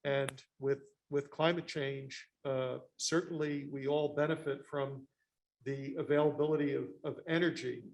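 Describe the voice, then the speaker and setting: A man on a discussion panel talking through a face mask, slightly muffled, with measured, halting and deliberate phrasing. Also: medium pitch, vocal fry.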